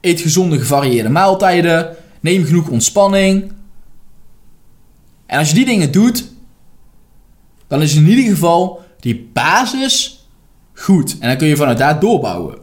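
A man's voice: a little high, big pitch swings, unhurried, long pauses. A man who works as a life coach, giving a direct, emphatic motivational podcast monologue and now and then swearing bluntly.

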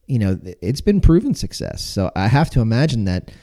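American guy hosting a podcast, mellow voice, long winding questions. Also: fairly low pitch, sing-song, a little fast. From United States. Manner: long rambling questions with restarts. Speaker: podcast host. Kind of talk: interview hosting.

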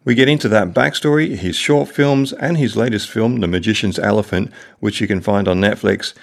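A man hosting a podcast in a low voice. He asks friendly, halting questions and restarts them often as he steers the interview. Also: vocal fry. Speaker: podcast host.

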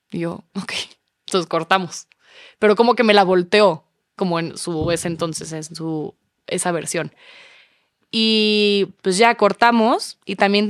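A woman's voice: mid-range voice, no room sound, studio quality. A young Mexican woman in her twenties, a podcast guest telling a story in casual chat and acting out the quoted lines. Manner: animated, acts out quoted dialogue.

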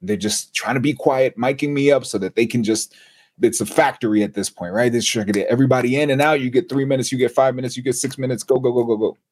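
A man with a husky, breathy voice and a mid-range pitch tells a story as an interview guest. He keeps it animated, acting out the people he quotes as he goes. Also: fast talker. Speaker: guest, TV and radio personality.

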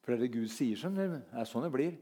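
A man preaching a sermon, rambling and halting with many fillers, then climbing into fervent, near-shouted lines. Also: medium pitch, animated, breathy edge.

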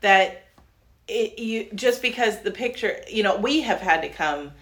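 A woman's voice: mid-range voice, expressive, measured pace, fairly bright tone. A middle-aged woman co-hosting a business podcast, rambling and self-deprecating as she tells stories. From Florida, US. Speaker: podcast co-host, realtor. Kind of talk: casual chat.

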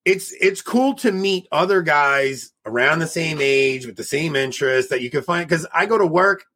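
Forty-year-old male host, upbeat chat, bright husky tone. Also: on the high side, expressive, moderate pace. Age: 40s. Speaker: podcast host. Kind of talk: casual online chat.

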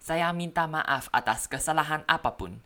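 Low-voiced woman, foreigner speaking Indonesian. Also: normal speed, bright, forceful tone. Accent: foreign learner's. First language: not Indonesian. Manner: foreigner speaking Indonesian, careful learner's delivery. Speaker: podcaster learning Indonesian. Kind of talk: prepared personal podcast monologue.

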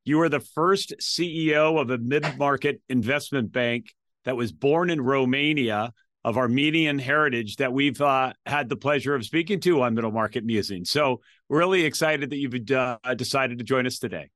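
A man's voice: medium pitch, moderate pace, fairly bright tone, dry recording, studio quality. A man hosting an interview podcast, asking questions in a friendly, conversational way with frequent fillers. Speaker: podcast host.

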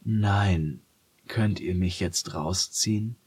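A man's voice: lowish voice, slow, breathy edge, no echo, pitched above the performer's own voice. Macadamia, a sly greedy cat, put on by a man. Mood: pleading. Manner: soft, pleading. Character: greedy, sly, plump female farm cat.

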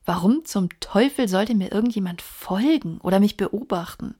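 A woman's voice: mid-range voice, animated, normal speed, warm tone, slightly rough. A woman reading the part of a plainspoken young male baronet raised in America, in an audiobook.

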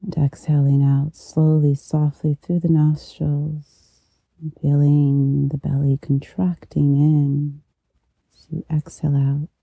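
Meditation guide: dark, velvety voice, slow and even, soft and intimate, right in the ear. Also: mid-range voice, creaky, slightly rough, no room sound, poor audio. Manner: slow, unhurried, gentle pauses. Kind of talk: guided meditation, soothing instruction.

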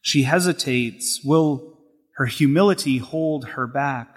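Male clergyman for homily, unhurried and measured, voice ringing through a reverberant church like cathedral echo. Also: mid-range voice. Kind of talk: scripture reading and homily. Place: large echoing church.

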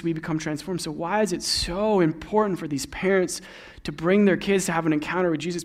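A young adult man, a pastor, preaching a sermon in a conversational, storytelling way. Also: fairly high pitch.

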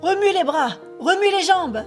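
A woman's voice: very high voice, expressive, normal speed, faint music behind, pitched above the performer's own voice. A woman voicing a grown man who drives a cart and barks short orders. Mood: commanding.

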